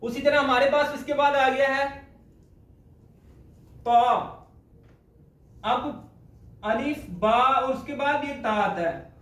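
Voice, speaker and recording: A man teaching the correct pronunciation of Quran letters, speaking slowly and deliberately and repeating each sound to demonstrate it. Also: very high voice, fairly bright tone. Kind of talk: spoken lesson on letter pronunciation. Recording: echoey room, voice far from mic.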